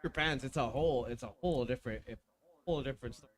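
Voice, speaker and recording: Talking rapid-fire in a medium-pitched voice, a man hosts a casual podcast stream. He rambles through stories, restarting his sentences often.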